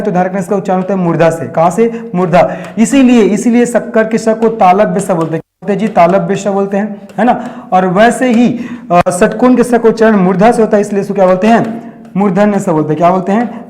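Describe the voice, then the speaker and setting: A man's voice: sits high, fairly quick, darkish tone. A man teaching an exam-prep grammar lesson, asking his own questions and answering them, repeating key terms.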